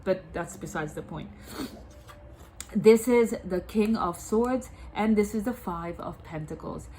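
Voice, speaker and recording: Her nose blocked by a cold, a woman reads tarot a little slowly in a mellow, medium-pitched voice. She repeatedly circles back, restarting her words and checking the listener is keeping up, with slight background noise behind her.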